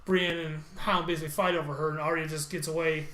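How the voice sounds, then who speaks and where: A man with a notably high-pitched voice, chatting animatedly as a podcast co-host and slipping into quick impressions of characters while he retells a TV episode. The sound is roomy and echoey, as if recorded in a bare room. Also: slight background noise. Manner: animated, acts out characters' lines while retelling, swears casually. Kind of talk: casual chat recapping a TV episode.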